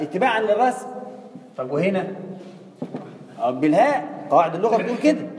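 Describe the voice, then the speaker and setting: A man with an Egyptian Arabic accent teaching a tajweed class, speaking quickly and conversationally, often putting questions to his students. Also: extremely high pitch, darkish tone, slight background noise. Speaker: Quran recitation teacher. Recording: echoey hall, faint room ambience.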